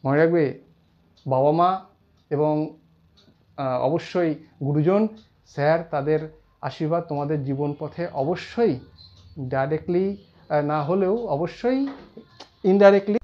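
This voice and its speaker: English teacher guy, fairly high voice, dull lo-fi sound, repeats stuff slowly. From India. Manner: explains slowly, repeats terms, quotes example sentences. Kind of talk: classroom grammar lesson.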